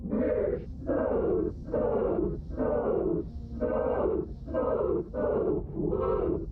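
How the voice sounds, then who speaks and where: An actress playing a menacing, defiant princess possessing a body in a video game, with slow, deliberate, commanding delivery. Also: female voice. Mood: strained, desperate. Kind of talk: dramatic video game voice acting. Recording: thin phone-like band, loud background noise.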